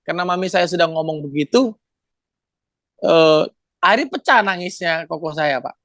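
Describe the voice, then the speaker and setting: A man shares a family testimony with the host, his voice sitting a little high. He talks in a lively way and laughs often. The sound is dry and close, with no room echo. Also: moderate pace. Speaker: guest giving a testimony. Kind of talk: emotional storytelling.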